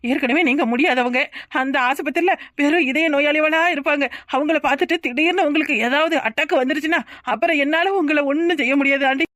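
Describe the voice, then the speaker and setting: A woman's voice: high voice, fairly bright tone, no echo, studio quality. A woman voicing a whining, sly cartoon daughter-in-law. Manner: tearful pleading, repeats "aunty". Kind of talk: cartoon voice acting.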